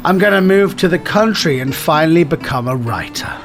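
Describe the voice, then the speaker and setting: An excitable middle-aged man who can't stop explaining himself, as a podcast host reads him out. He talks a little higher than usual and bubbles with eagerness. Guitar music plays softly behind the voice. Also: fairly quick. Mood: eager. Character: excitable plump 42-year-old man, would-be writer. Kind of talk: reading a screenplay aloud.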